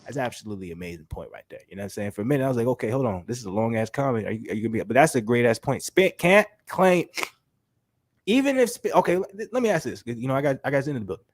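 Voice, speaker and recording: A sick man with a stuffy nose hosts a casual boxing talk show, speaking in slangy, animated bursts and constantly saying "you know what I'm saying." His voice sits in the mid range and comes out rapid-fire, with no echo.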